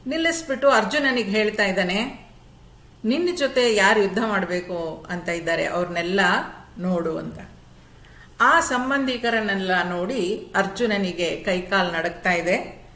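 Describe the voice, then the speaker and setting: A woman teaches a scripture class at an unhurried, deliberate pace. She explains patiently and puts questions to her listeners. Her voice carries some echo from the room. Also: mid-range voice, a bit bright. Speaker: Gita teacher.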